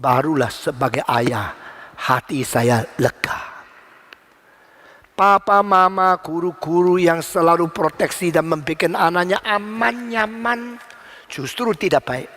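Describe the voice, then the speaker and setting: A man preaching a sermon as pastor, animated, mixing in English phrases and bursting into sudden loud exclamations. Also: fairly high pitch, slow.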